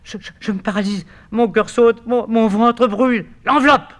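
Brief: high frantic young wife, read by an older man, pleading. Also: lively intonation, measured pace, fairly bright tone. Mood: panicked. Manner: pleading, frantic when crying for help. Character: young wife, frightened, later poisoned.

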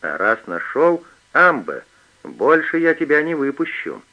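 A man's voice: fairly high pitch, very animated, a little slow, pitched above the performer's own voice. A mocking, cruel street thief, put on by a male reader whose voice leaps and drops as he sneers and then hisses threats. The recording is dull and muffled, with little top end. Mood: menacing.

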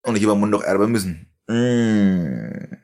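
A man's voice: fairly low pitch, lively intonation, measured pace, a little mellow. A young man telling rambling, laughing anecdotes in a casual stream chat. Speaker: stream host telling a story.

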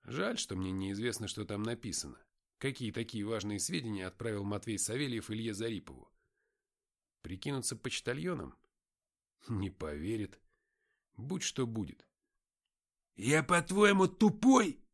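A man reads an audiobook in the first person, voicing the hero's wry inner monologue. His delivery is expressive, with lively swings in pitch. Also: moderate pace, creaky. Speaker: audiobook narrator.

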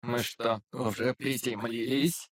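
A man voicing a grumpy, sarcastic male robot with a creaky, grating, squeaky voice, drawing out his mocking lines. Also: fairly even intonation, lightly acted. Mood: sneering. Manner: mocking, drawn-out, condescending. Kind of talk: audiobook narration with character voices.

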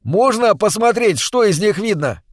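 A man voicing a weary reporter who shouts to be heard, his throat strained and hoarse. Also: on the high side, normal speed, dry recording, studio quality, pitched above the performer's own voice, natural voice. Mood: shouting, strained. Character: shaken, weary male newspaper reporter shouting over roaring water.

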